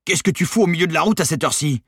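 A man reading an audiobook, voicing a grizzled, gruff male reporter who probes with questions. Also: a little high, lively intonation, brisk, dry recording, clean studio sound, voice pushed up. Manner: gruff, probing.

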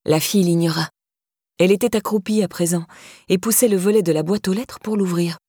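A woman narrating an audiobook in a measured, scripted reading. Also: on the low side, dark tone, slightly rough, no room sound, studio quality.

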